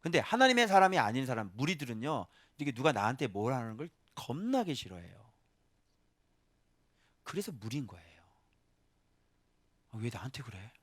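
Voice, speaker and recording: A man preaching a sermon as a pastor, animated, acting out voices and breaking into sudden shouts. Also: mid-range voice, fairly quick, no echo.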